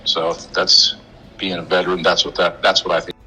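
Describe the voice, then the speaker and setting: A man with a husky voice, a veteran, talking earnestly about his duty in loose phrasing. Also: low voice, flat delivery, moderate pace, bright, forceful tone, faint music behind, rough recording. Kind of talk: interview recollection.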